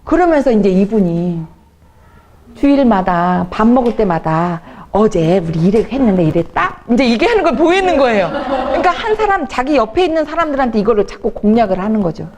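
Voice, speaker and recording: Animated woman evangelist telling stories. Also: on the high side, fairly quick, slight background noise. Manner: animated storytelling, acting out quoted people. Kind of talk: testimony talk at a church event.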